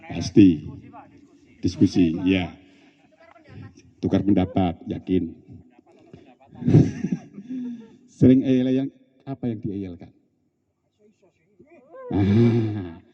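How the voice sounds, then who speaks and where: A middle-aged man with a Javanese accent leading a team-building debrief, lively and joking, acting out shouted instructions. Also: medium pitch, husky. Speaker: outbound training facilitator. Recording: dull, long-reverb hall.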